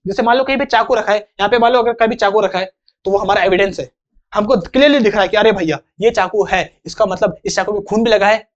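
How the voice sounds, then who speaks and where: A man's voice: high-pitched, fast, dull audio. A young man teaching an English vocabulary lesson in a chatty, joking way, acting out little examples.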